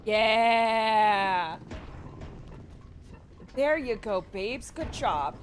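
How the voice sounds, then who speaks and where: A woman speedrunner giving live commentary on her game, cooing baby talk to the creature and bursting out loud when things go well or wrong. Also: fairly high pitch, drawn-out words, faint music behind. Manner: excitable, with sudden loud outbursts. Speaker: speedrunner streamer.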